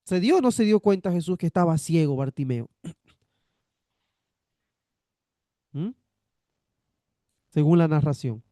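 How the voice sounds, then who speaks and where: A man's voice: a little high, lively intonation, slow, pauses often, mellow, dry recording, clean studio sound. A man teaching a theology class, repeating his points and asking rhetorical questions to check the students follow. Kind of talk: classroom lecture.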